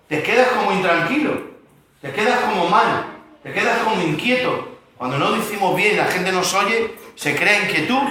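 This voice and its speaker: A man's voice: on the high side, sharp tone. A male pastor giving a Bible study lesson, explaining words and quizzing his listeners. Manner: explanatory, asks the audience questions. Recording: very echoey room.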